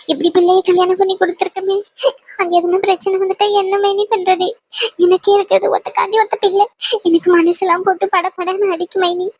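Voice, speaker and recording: A woman voicing an anxious, tearful mother of a new bride in a cartoon, pleading and repeating her worries in a high voice. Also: close to an everyday voice. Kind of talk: cartoon voice acting.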